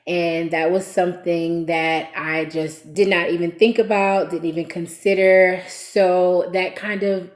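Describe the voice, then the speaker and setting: A young adult woman speaking as a vlogger, talking to camera in an earnest, measured way. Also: fairly low pitch, level tone. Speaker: vlogger sharing family news. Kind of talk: casual chat to camera. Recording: roomy echo.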